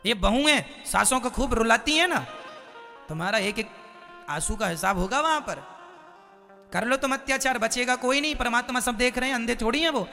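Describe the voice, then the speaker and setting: Very high, bright-voiced male preacher. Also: moderate pace, gravelly. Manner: dramatic storytelling, exhorting the crowd. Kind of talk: devotional katha sermon. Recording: long hall reverb, faint music.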